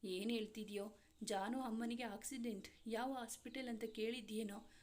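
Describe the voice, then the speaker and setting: A woman's voice: a little high, fairly even intonation, moderate pace, a little mellow, natural voice. A woman voicing a worried young male friend. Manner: pressing, questioning.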